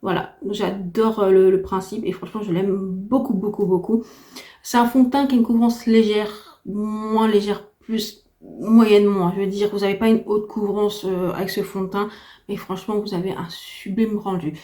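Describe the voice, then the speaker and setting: With a dark, steady, mid-range voice at a moderate pace, this woman gives a casual beauty product review to camera. She's chatty and enthusiastic, repeating her emphasis, while her voice wavers and fails after a heavy cold.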